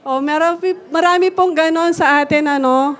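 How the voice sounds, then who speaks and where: A woman's voice: high-pitched, moderate pace, some chatter behind. A Filipino woman giving a church sermon, talking politely and switching between Tagalog and English as she teaches with everyday examples. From Philippines. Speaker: church speaker.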